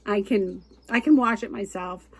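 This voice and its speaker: A woman's voice: mid-range voice, moderate pace, husky. A middle-aged woman from Canada, hosting her cross-stitch and quilting video in a chatty, homey way with fillers and light laughs, talking around a cough drop while getting over a cold. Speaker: cross-stitch and quilt pattern designer, channel host. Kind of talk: casual chat to camera.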